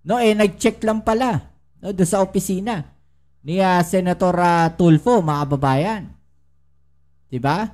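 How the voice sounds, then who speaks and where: A woman's voice: on the low side, measured pace, long pauses, darkish tone. A woman giving casual political commentary to her viewers, full of rhetorical questions and tag questions. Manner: addresses viewers directly and often.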